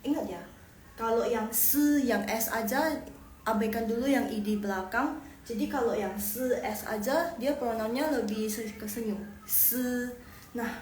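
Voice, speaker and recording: A fairly high-voiced woman teaches a live online Mandarin lesson, drilling syllables and tones over and over. She talks in a chatty way and often corrects herself mid-sentence. The recording sits in an echoey room with a faint hum of background noise.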